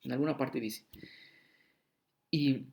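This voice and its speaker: Guy preaching, chatty, mid pitch, jumps loud then soft acting out little scenes. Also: takes it slowly, creaky. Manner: conversational, acts out short dialogues with shifting voice and loudness. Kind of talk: casual Bible teaching sermon.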